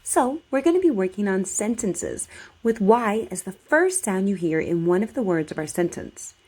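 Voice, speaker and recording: A woman teaching a speech articulation drill, over-enunciating her words in a deliberate, instructional way. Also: mid-range voice, big pitch swings, darkish tone. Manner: over-enunciated, slow, deliberate model sentences.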